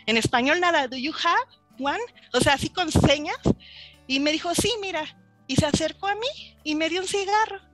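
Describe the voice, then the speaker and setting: A Mexican woman with a Mexican accent, a podcast guest telling her story in a lively way and acting out the dialogue. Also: high voice, no echo. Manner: lively, acts out quoted dialogue. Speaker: interview guest. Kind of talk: casual storytelling in an interview.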